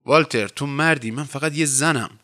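A man reading aloud voices a stern middle-aged mother who runs a farm, speaking in a high, firm way. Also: bright, forceful tone, natural voice. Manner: high, firm and severe delivery.

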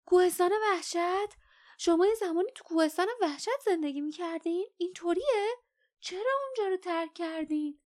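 A woman voicing an eager, impatient young male hero in an audiobook, blurting questions excitedly. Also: very high voice, voice pushed up. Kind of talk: audiobook character voice.

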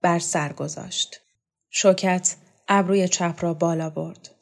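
A woman narrating a literary novel in a calm, measured, deliberate reading voice. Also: on the low side, vocal fry. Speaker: audiobook reader.

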